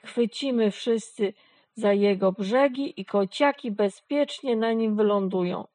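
A woman's voice: medium pitch, unhurried, a little mellow, no echo, close to an everyday voice. A woman doing Reksio, a brave leader dog. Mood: decisive. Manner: decisive and reassuring.

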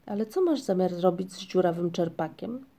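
A calm young male troll, as a woman reads him in a storybook speaks firmly and decides things. The tone is mellow and a bit gravelly. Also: on the low side, normal speed. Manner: firm. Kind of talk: storybook reading.

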